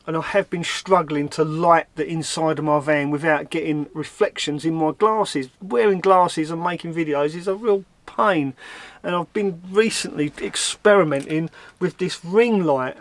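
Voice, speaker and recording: A man with a Cockney accent from London, chatting casually to camera from inside his camper van, with a self-mocking manner. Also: on the high side. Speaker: van-life vlogger. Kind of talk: casual vlog chat to camera.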